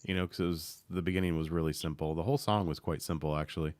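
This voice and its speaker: Deep-voiced podcast host, dry sound. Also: male voice, fairly even intonation, quick pace, a little mellow, no room sound. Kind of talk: casual interview.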